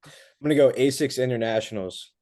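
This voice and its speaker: A young man, a college wrestler, giving short, relaxed answers with fillers as a guest on a casual podcast. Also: mid-range voice, a little fast. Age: young adult.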